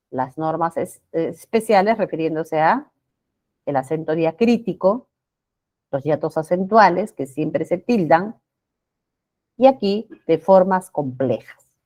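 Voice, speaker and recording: A woman with a fairly low, darkish voice teaches a class, patiently explaining spelling rules. She repeats points, checks understanding with short questions, and draws out example words.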